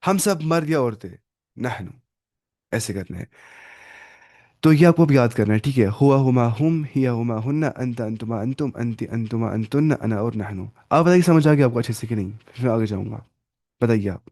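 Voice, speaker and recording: A man's voice: medium pitch, normal speed, warm tone. A man teaching an online Arabic lesson in Hindi, drilling grammar through repetition and often asking his students questions. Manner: repetitive drilling with hand gestures.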